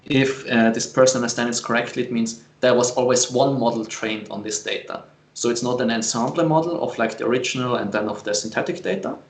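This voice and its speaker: Moderator in an echoey room. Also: male voice, medium pitch. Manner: reads audience questions, a little halting. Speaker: event moderator. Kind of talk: moderating a live Q&A.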